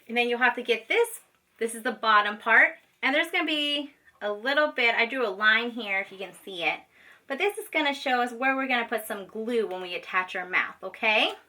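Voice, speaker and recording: A woman special education teacher walks children step by step through a craft, informal and patient, often checking in as she goes. Her voice is on the high side, fairly quick, and sharp in tone. The microphone is distant.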